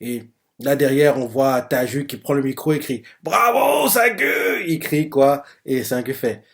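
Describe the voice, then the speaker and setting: Reading manga live for his reaction channel, this man speaks at a measured pace in a medium-pitched, darkish voice with fairly even intonation. He talks through every page hesitantly, explaining as he goes, peppering his speech with "euh" and "en gros," and voicing others' lines himself in summary.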